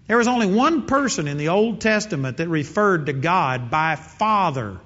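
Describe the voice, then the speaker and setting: A man's voice: sits high, very animated, normal speed, bright, forceful tone. A man preaching a sermon in an earnest, emphatic way, repeating his key phrases. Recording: dull sound in a reverberant hall.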